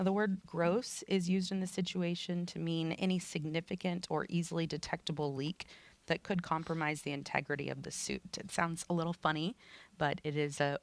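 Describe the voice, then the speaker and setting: Female broadcast commentator, conversational explainer, plain-spoken, with a creaky edge. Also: sits low.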